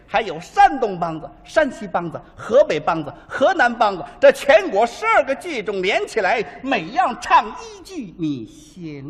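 A man playing the straight man in a crosstalk comedy duo, feeding questions with quick interjections. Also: very high voice, fairly bright tone, slightly rough. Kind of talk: staged crosstalk comedy performance. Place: theater stage before an audience. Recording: long hall reverb from a stage.

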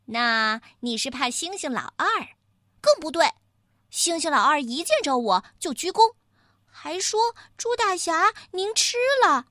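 A boastful little piglet hero, voiced by a woman reading a storybook, high and childlike with a bright, jumpy pitch. The sound is dry and close. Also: lively intonation, a little slow, dry recording, heavily acted. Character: brave, boastful young boy piglet hero.

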